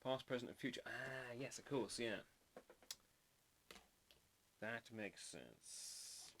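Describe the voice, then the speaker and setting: A man's voice: medium pitch, animated, slow, fairly bright tone, a little hiss or hum. A man hosting a live drawing stream, chatting casually and playfully while trying out foreign words. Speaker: livestream artist host.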